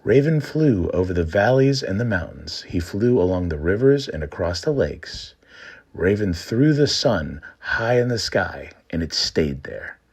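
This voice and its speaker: A man with a low, husky voice presents a trickster tale as a storyteller. He takes his time, and his pitch moves in broad, lively swings. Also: a little slow. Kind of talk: scripted folktale narration and explanation.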